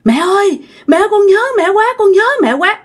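A woman's voice: a little high, animated, moderate pace. A woman with a Southern Vietnamese accent voicing a little boy who cries and pleads for his dead mother. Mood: sobbing, pleading.

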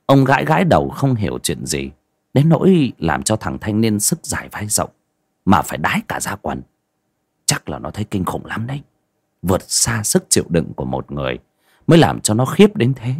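A man narrating a horror story in an expressive, dramatic way. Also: fairly low pitch, normal speed, gravelly, husky, no echo, clean studio sound.

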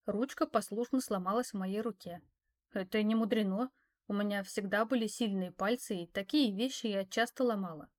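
A woman narrating a first-person novel, expressive and wry. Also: mid-range voice, brisk. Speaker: audiobook narrator.

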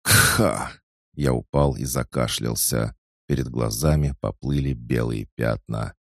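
A man narrates a first-person fantasy audiobook in a measured, steady way. His voice is extremely deep and gravelly. He speaks slowly into a dry, close mic. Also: dry recording.

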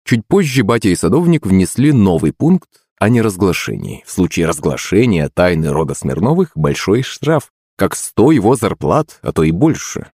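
A man's voice: low voice, very animated, normal speed, few pauses, a little mellow, slightly rough, dry recording, studio quality. A man narrating a first-person audiobook.

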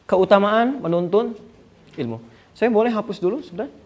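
A man's voice: high voice, moderate pace, a little mellow. A man giving a religious study lecture to a live audience, talking conversationally, asking them questions and addressing them directly. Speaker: Islamic religious teacher.

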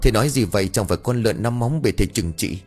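A man's voice: lowish voice, animated, fast talker, a little mellow, soft background music, close to an everyday voice. A man voicing a worried young husband who calls out and pleads in an anxious, raised voice. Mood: anxious pleading.

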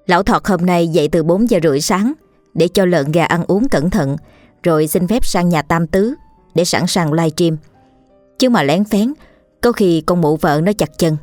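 A woman narrating a ghost story in a steady storytelling manner, voicing the characters. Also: on the low side, normal speed, no echo, soft background music.

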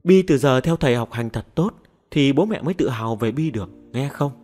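A man voicing a gentle middle-aged Buddhist master who speaks softly and persuasively. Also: medium pitch, animated, brisk, close to an everyday voice. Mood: coaxing.

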